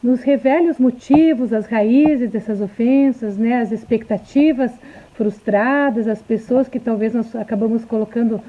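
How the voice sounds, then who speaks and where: A woman talking in a soft, reflective way in a casual live stream, recorded on a phone indoors. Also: on the high side, normal speed. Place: indoor room at home. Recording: tinny phone livestream.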